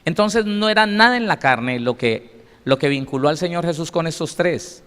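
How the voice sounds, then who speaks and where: A man preaching a sermon as pastor, emphatic and lively, acting out scenes. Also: fairly high pitch, moderate pace, clear, resonant tone. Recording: long reverb of a large hall.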